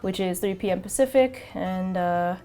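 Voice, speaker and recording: A woman's voice: medium pitch, moderate pace, warm tone, faint music behind. A woman with a New York accent co-hosting a casual podcast chat, rambling and laughing often. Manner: giggly, rambling, lots of fillers and restarts. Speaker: podcast co-host.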